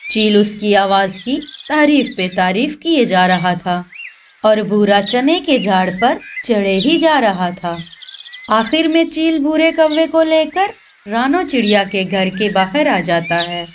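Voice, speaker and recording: A woman's voice: medium pitch, expressive, slow pace, slight background noise. A woman narrator reading a scripted cartoon story. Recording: constant birdsong and clicks behind voice. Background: birdsong.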